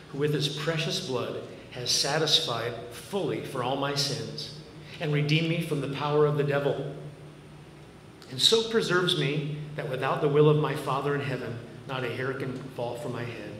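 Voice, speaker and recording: This man's medium-pitched, fairly bright voice belongs to a Massachusetts-accented pastor in his fifties giving a sermon from the stage of a large church auditorium. He is earnest and conversational, with a dry, self-deprecating wit. Captured on a podium mic and filmed by a far camera, the sound is an echoey hall from a distance, with noise.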